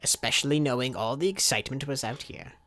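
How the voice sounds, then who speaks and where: A man's voice: mid-range voice, quick pace, bright, forceful tone, natural voice. A man voicing a chatty old woman in a video game with a put-on old lady voice. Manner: creaky put-on old lady voice, self-mocked as terrible.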